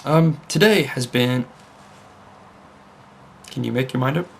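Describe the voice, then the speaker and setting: A young vlogger sits at his computer desk at home, chatting casually to camera in an American accent with Leeds creeping in. He rambles, interrupts himself, and uses fillers, speaking slowly in a gravelly, mid-range voice with a bit of hiss or hum.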